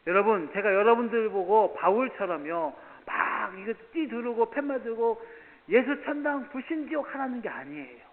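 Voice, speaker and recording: A male pastor preaching a sermon, swinging from loud preaching to hushed near-whispers and acting out both sides of his stories. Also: high voice, expressive, moderate pace. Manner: storytelling, acts out both sides of dialogue. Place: church sanctuary. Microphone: far security camera. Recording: phone-like CCTV audio, long reverb, faint hiss.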